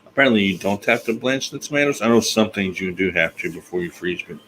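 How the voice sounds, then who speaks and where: A man's voice: lowish voice, lively intonation, fast talker, a bit bright, a little hiss or hum, low-quality recording. A man hosting a casual online group chat, joking and tripping over tongue twisters.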